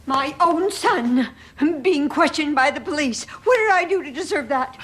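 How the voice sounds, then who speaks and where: A woman's voice: high voice, animated, a little slow, a bit bright, a little hiss or hum. A woman playing a dramatic, self-pitying mother in a comedy series. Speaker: mother of the lead character. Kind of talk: sitcom acting.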